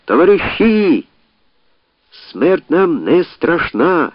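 A man voicing a hot-headed former prisoner who gives a shrill, squeaky, impassioned speech to a crowd. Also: sing-song, drawn-out words, no echo, lo-fi sound, full character voice. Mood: impassioned shouting. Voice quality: squeaky, mouse-like. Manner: shouting, impassioned.

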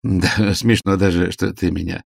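A man's voice: low voice, steady tone, a little slow, gravelly, no room sound, studio quality, heavily acted. A man voicing an agitated, scheming man who pleads with an old friend in a shaky voice. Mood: anxious.

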